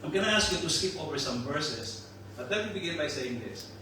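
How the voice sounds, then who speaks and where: Far from the mic, an older Philippine-born pastor with a Filipino-Australian accent preaches a relaxed, joking sermon, chatting and laughing often. His voice is a little high and fairly quick, ringing through a very reverberant space with a steady hiss underneath.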